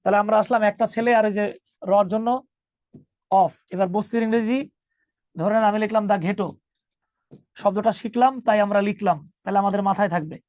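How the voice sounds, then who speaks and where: A man's voice: high voice, fairly even intonation, normal speed, pauses often, a little mellow, dry recording. A man teaching an online English grammar class, joking with students and calling them 'baba'.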